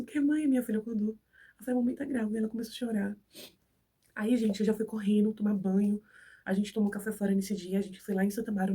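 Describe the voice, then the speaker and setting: A young Brazilian vlogger with a cold chats with her audience in a mid-range, mellow voice, sitting far from the microphone. Speaking with a Brazilian Portuguese accent, she relates a personal story and acts out the lines of everyone involved.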